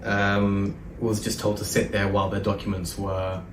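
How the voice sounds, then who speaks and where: A man's voice: lowish voice, completely flat delivery, moderate pace. A man, an interview guest speaking earnestly and hesitantly with frequent ums. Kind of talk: conversational interview. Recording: echoey room, distant mic, faint background noise.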